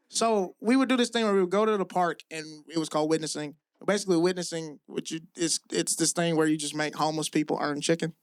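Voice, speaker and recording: A man from the American South performing live stand-up comedy on a club stage, loose and profane, rising to shouts on punchlines. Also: a little high.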